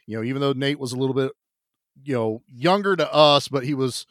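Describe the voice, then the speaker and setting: A man's voice: medium pitch, brisk, no room sound, clean studio sound. A man co-hosting a podcast in casual, bantering chat. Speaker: podcast co-host.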